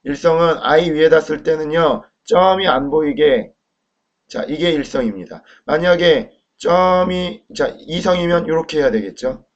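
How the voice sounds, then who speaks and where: A man teaching a language lesson in a friendly classroom manner, asking viewers quick questions and modeling sounds out loud. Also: on the high side. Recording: dull lo-fi recording.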